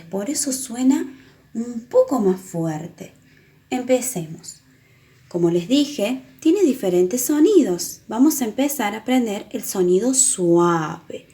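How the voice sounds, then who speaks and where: A woman teaching children the sounds of a letter, explaining patiently and repeating example words slowly. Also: medium pitch, dark tone. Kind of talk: children's reading lesson.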